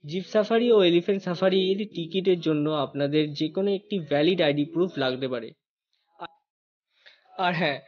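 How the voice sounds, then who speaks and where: A man's voice: a little high, muffled recording. A man narrating a scripted travel guide for his channel, greeting viewers as friends and walking through routes and costs.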